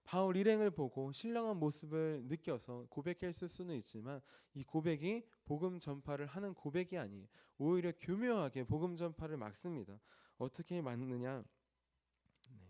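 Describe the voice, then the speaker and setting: A man's voice: a little high, dark tone. A male pastor preaching an early morning sermon in a church, asking the congregation questions and then answering them himself.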